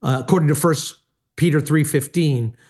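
A middle-aged man from Hawaii who used to be a pastor tells his own story in an interview, speaking earnestly and hesitating often with plenty of fillers. His voice is fairly high and somewhat dark in tone, at a normal speed.

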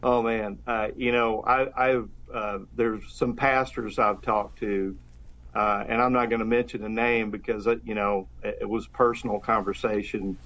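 Speaking at a moderate pace, this man has a fairly low, fairly bright voice with fairly even intonation. He's a guest pastor chatting casually but with earnest fervor about faith, often starting his sentences over, captured on dull, lo-fi audio.

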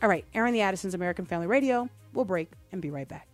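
A woman's voice: medium pitch, animated, very fast, soft background music. A woman co-hosting a radio show, teaching scripture in an emphatic, fervent way, repeating phrases for emphasis. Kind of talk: impassioned radio Bible teaching. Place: radio studio.

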